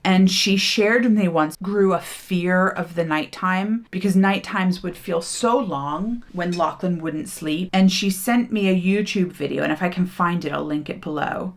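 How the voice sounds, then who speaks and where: Heartfelt chatty woman beauty vlogger. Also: fairly low pitch. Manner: heartfelt, chatty, gushing about products. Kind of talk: casual reflective talk while doing makeup. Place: home room, hot.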